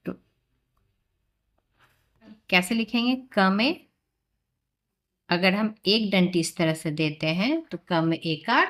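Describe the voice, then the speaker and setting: A woman teaching the Hindi alphabet to children, explaining patiently and reciting the syllables loudly and slowly. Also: medium pitch. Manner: slow, patient, drawn-out syllables, raises voice when reciting letters.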